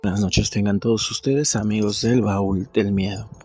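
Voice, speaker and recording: A man's voice: fairly low pitch, fairly even intonation, normal speed, mellow, slightly rough. A man sharing a family anecdote with a formal, polite storytelling manner. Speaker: story contributor. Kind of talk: narrated anecdote.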